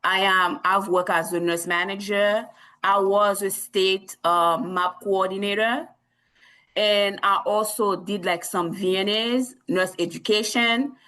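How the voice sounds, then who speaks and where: A woman's voice: medium pitch, fairly even intonation, takes it slowly, bright, forceful tone, rough recording. A woman from Haiti, a nurse practitioner, speaking earnestly as a podcast guest with many restarts. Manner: earnest, repeats herself, frequent restarts. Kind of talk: interview conversation.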